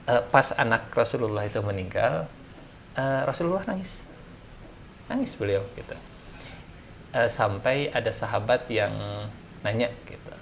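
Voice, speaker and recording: A man's voice: medium pitch, animated, a little slow, creaky, long pauses, slight background noise. A man, an ustadz giving a casual religious talk, chatty and full of fillers. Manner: chatty, laughs often, many fillers. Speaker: ustadz speaker.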